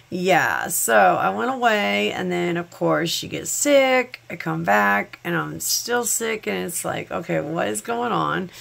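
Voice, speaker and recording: At her home nail studio, a woman with a cold sits at a table top unboxing products for a sponsored vlog on her nail channel, chatting effusively and thanking viewers. Her congested voice is fairly low, expressive, slow, and creaky, with a fairly bright tone.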